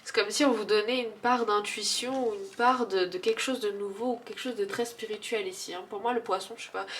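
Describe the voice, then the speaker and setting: A woman doing a casual tarot reading, chatty and hesitant, with many fillers and frequent laughs. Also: mid-range voice. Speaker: tarot card reader.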